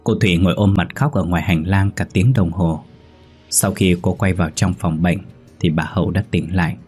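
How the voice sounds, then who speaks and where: A man narrating a horror story in a steady, even storytelling manner. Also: deep voice, normal speed, husky, soft background music.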